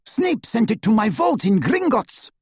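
A man voicing a cruel, fanatical witch who shrieks and sneers in a high, strained voice. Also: huge pitch swings, unhurried, a little mellow, slightly rough, no room sound, clean studio sound, heavily acted. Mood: intense. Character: shrill unhinged female witch, cruel and fanatical.

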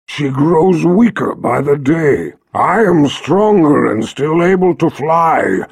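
A man voicing a huge proud young male red dragon, speaking slowly and booming as if from far off. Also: animated, gravelly, husky, no echo, clean studio sound, heavily acted. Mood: mournful. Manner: slow, booming, growling.

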